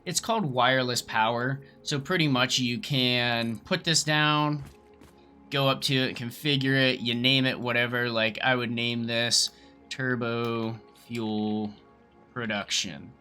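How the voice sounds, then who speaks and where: A man's voice: mid-range voice, steady tone, measured pace, pushed and bright, faint music behind. A young man hosting a let's play, talking casually and enthusiastically, rambling a little and swearing now and then. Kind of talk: casual gameplay commentary.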